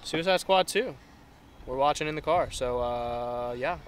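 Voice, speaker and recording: A man's voice: medium pitch, unhurried, slight background noise. A man in his twenties talking casually to his phone camera as a fitness vlogger, laid-back, upbeat and full of slang. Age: 20s. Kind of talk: casual vlog talk to camera. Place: car, restaurant and home kitchen.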